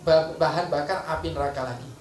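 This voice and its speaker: A man voicing a weeping stone in a sermon story, speaking lower and softer than his own preaching voice, with a sorrowful, pleading manner. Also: fast, roomy sound, distant mic, slight background noise, close to an everyday voice. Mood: relieved. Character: weeping stone, fearful and humble.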